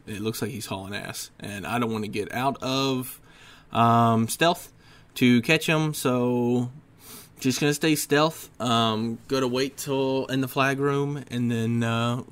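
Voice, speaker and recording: A man talks over his gameplay footage in a loose, rambling voiceover at mid pitch. He sounds tired and keeps yawning. He often mocks his own mistakes and fills gaps with ums and uhs. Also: steady tone, slow. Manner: rambling, self-deprecating, with many ums. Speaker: gaming YouTuber. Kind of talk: casual gameplay voiceover commentary. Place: at a desk at home.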